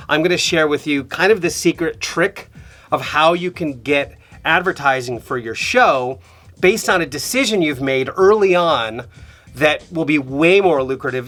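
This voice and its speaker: A man with a bright, clear-toned voice that comes out nasal and stuffed up from a cold. He explains business ideas to camera in a conversational way, stopping to ask if it makes sense, with faint music behind him. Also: mid-range voice. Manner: conversational, checks in with listeners. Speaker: podcast host.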